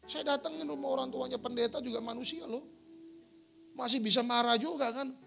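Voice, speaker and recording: A man's voice: extremely high pitch, fairly quick, gravelly, sharp tone, faint music behind. A middle-aged male pastor preaching a sermon in a church, telling stories and acting out quotes. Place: church sanctuary.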